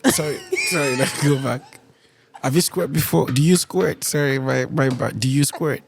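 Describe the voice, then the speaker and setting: A man's voice: medium pitch, moderate pace, gravelly, background noise. A man in his thirties hosting a podcast in casual, joking chat, laughing often. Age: 30s. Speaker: podcast host.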